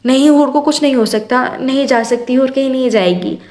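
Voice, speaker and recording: A woman's voice: high voice, a little fast, a little mellow, lightly acted. A woman voicing a young woman frantic and tearful over her sister in a storybook reading. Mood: desperate. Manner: pleading, tearful.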